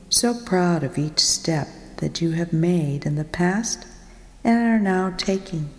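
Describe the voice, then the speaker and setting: A woman leading a guided meditation, speaking softly and soothingly, often in a whisper. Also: low voice. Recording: long reverb with music behind.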